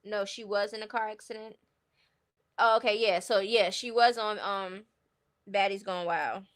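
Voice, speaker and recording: A woman from New York City, speaking with a New York accent, hosts a livestream of casual gossip commentary that is blunt, opinionated and slangy. Her voice is mid-range with fairly even intonation and a normal speed.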